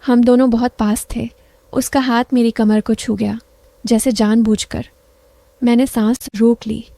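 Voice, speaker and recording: A woman narrating an emotional first-person story, soft and confessional. Her voice is somewhat high yet mellow and warm. The recording is close and dry. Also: little pitch movement, unhurried, creaky, no echo.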